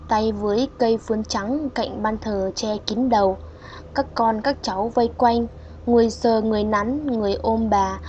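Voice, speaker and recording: A woman narrating a folk horror story in a steady storytelling voice, in a dull lo-fi recording. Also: fairly high pitch. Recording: dull lo-fi audio with faint hiss.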